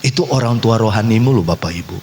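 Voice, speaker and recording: A male pastor preaching a lively sermon in a church, acting out quoted voices and teasing the congregation. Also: fairly low pitch, fast talker, a little hiss or hum. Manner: animated, acts out quoted voices, teases the congregation. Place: church hall. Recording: echoey church hall.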